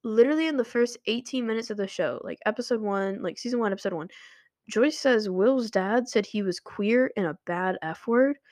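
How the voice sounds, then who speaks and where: A woman's voice: fairly high pitch, moderate pace, a little mellow, no echo. Rambling young woman, dry close sound. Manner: rambling, frequent "like" fillers. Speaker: vlogger. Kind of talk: casual commentary. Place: home room with running water nearby.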